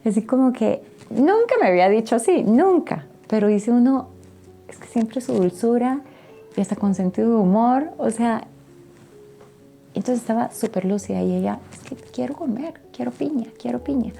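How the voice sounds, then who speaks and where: A woman's voice: fairly high pitch, expressive, moderate pace, creaky, mellow, faint music behind. A woman giving a personal faith testimony, telling her story earnestly and emotionally and often checking in with tag questions. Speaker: testimony guest.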